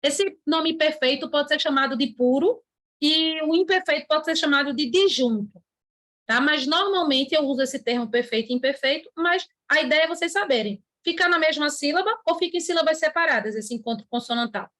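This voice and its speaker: A woman teaching an online grammar lesson, explaining slowly and stretching key words as she writes on a board. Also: high-pitched, a bit bright. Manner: writes on a board while talking.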